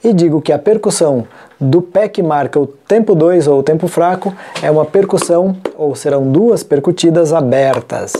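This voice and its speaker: A music teacher with a Brazilian Portuguese accent talks through a classroom method. The delivery is methodical, and the speaker pauses to restate and correct terms along the way. The voice has a mellow, dark tone at a middling pitch. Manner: methodical, often rephrasing and correcting terms mid-sentence.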